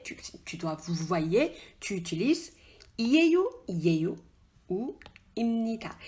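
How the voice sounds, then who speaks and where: A Korean language teacher gives a casual spoken lesson at a whiteboard. She has a mid-range voice and a chatty, informal manner, speaking directly to the learner, hesitating often and frequently asking "tu vois?" to check understanding.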